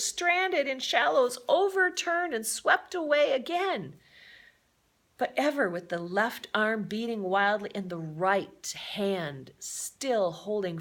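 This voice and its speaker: A woman with a fairly high, gravelly voice reads a children's adventure novel aloud as a storyteller. Her delivery is expressive, sprinkled with asides explaining things to listeners.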